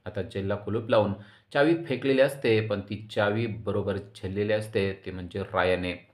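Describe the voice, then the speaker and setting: A man's voice: on the low side, fairly even intonation, normal speed. Man narrating a TV serial recap. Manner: dramatic storytelling. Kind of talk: TV serial episode recap voice-over.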